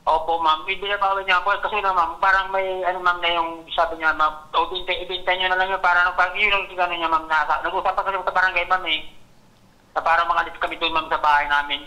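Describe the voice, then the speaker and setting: A man speaking haltingly in a phone interview, adding "ma'am" after nearly every phrase. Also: high-pitched, level tone, sharp tone, low-quality recording. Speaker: complainant caller.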